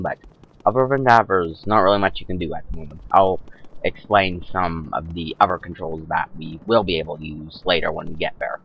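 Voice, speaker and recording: A man's voice: sits low, highs cut off. A young man giving casual gameplay commentary as a let's play host, with a sarcastic, wry manner. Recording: faint game music behind.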